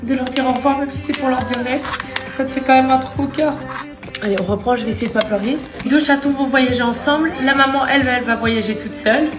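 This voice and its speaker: A woman's voice: high-pitched, quick pace, over music. A woman with a lisp on her s sounds, chatting casually to her followers as she films stories on a phone. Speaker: vlogger filming social media stories.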